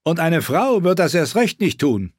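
A man's voice: a little high, sing-song, normal speed, breathy edge, no echo, studio quality, voice pushed up. A man voicing a swaggering knight who talks in a proud, blustering way. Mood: boastful. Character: boastful, swaggering male knight.

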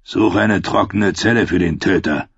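A man voicing a sardonic old archmaester, gravelly and husky. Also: sits low, fairly bright tone, no room sound, exaggerated voice. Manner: dry, menacing, unhurried. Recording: dull, dry lo-fi recording.

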